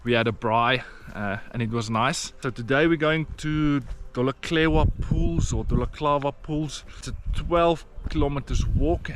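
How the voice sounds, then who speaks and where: Out on a rainforest trail, a South African man with an Afrikaans accent narrates a casual hiking vlog. He speaks at medium pitch against a noisy background, keeping things plain and encouraging, with frequent fillers.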